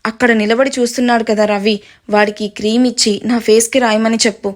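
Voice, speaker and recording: A woman's voice: fairly high pitch, fairly quick, lightly acted. A woman reading the lines of a spirited, bossy young woman who teases and lectures. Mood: scheming. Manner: lively, teasing, lecturing.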